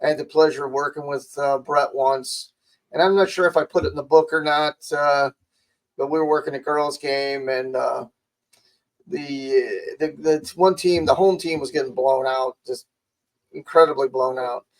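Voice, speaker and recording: Gravelly man telling a chatty anecdote. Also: a little high, steady tone, normal speed, poor audio. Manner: chatty anecdote teller, many fillers. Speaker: podcast co-host. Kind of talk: casual storytelling.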